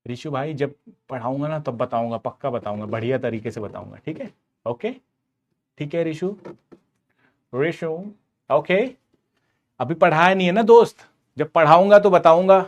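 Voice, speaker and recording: A man's voice: a little high, normal speed, long pauses. A man teaching chemistry in a casual live online class. He is chatty and teasing, calls his students buddies, and explains with everyday stories.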